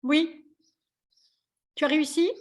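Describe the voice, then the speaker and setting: A woman's voice: high-pitched, steady tone, slow pace. A woman therapist hosting a live video session in a chatty, joking way, with many fillers. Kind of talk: casual live chat. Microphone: computer mic on a video call.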